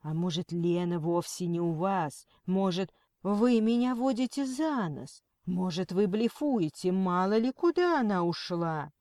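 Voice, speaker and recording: A woman's voice: fairly low pitch, expressive, a little slow, warm tone, no room sound, clean studio sound. A woman voicing a frightened yet firm middle-aged mother arguing with a kidnapper. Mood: agitated. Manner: agitated, firm. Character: frantic but stubborn middle-aged mother.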